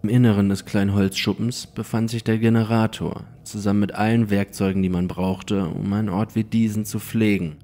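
A man with a fairly low voice reads a scripted horror story aloud in the first person. He keeps a calm, even storytelling manner throughout. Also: a little fast, hardly any pauses. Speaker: narrator.

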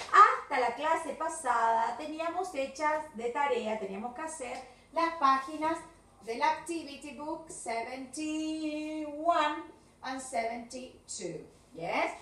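In an English video class for children, a Rioplatense-accented woman moves between English and Spanish, drawing words out slowly, repeating them, encouraging and checking understanding often. Her voice is high, bright and forceful. She's heard from a distance in an echoey room with faint hiss.

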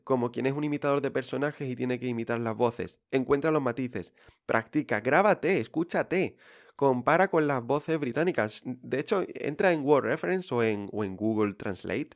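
A man with a Spain Spanish accent talks straight to his listeners in a casual podcast monologue. His voice sits at an ordinary middle pitch, and his delivery is direct and reassuring, with frequent fillers. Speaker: podcast host.

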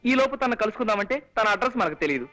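An actor playing a lovestruck comic man who plots to meet a college girl, talking in a brisk, self-pleased way. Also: sits high, lively intonation, music in the background. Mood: scheming.

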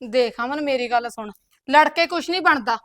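A woman plays a nagging elder sister-in-law. Her voice is very high and bright, and she scolds with a curt, bossy edge. The recording is close and dry. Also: normal speed, no echo. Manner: scolding, keeps tagging lines with a curt "tell me". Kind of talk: comedy skit acting.

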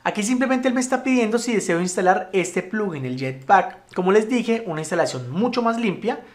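A man giving a relaxed, chatty step-by-step web tutorial, often checking in with his viewers. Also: high voice, fairly quick. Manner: frequent checking tags like "¿listo?" and "¿vale?". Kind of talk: casual screen-recorded tutorial.

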